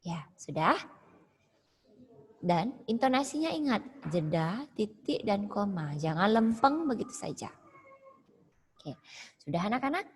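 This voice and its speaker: Brief: female teacher, slow and patient, explains each step, echoey video-call sound. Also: medium pitch, big pitch swings, a little hiss or hum. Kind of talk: online class instruction.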